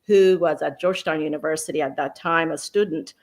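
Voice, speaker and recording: Woman in her sixties, measured. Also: sits low. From Ethiopia. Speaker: guest. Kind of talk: interview conversation.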